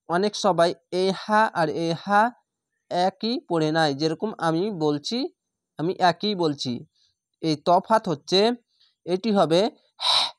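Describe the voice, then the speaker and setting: A man teaching Quran reading, sounding out each word slowly and repeating it before explaining how to pronounce it. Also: on the high side, dry recording, clean studio sound. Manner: slow, patient, repeats each word drawn out. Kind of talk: recitation lesson, word-by-word.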